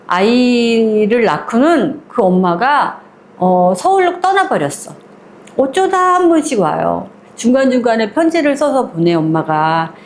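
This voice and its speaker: A woman storyteller with a slightly high voice tells a short story in a casual, spoken way. She is lively and drops into the characters' lines as she goes. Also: a little slow, a little hiss or hum.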